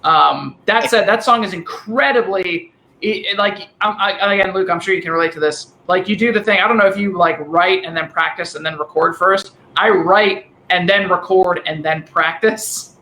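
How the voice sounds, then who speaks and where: Speaking through a dynamic vocal mic on a call, this man's high, thin voice comes across bright and forceful, with a Delaware County, Pennsylvania accent. He's a musician guest on a laid-back remote podcast, wandering and stopping to restart frequently. The recording is rough and reverberant, with slight background noise.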